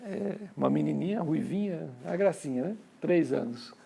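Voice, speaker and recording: A man's voice: fairly high pitch, expressive, normal speed, gravelly, warm tone, breathy edge. A man with a Brazilian Portuguese accent preaching at a church conference, chatty and storytelling, repeating phrases and calling the crowd brothers. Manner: conversational, tells family stories with acted-out quotes.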